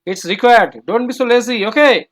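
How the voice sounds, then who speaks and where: A man's voice: extremely high pitch, very slow, a bit bright. A man teaching English to children in an online class, firm and repeating his prompts, heard over a video call.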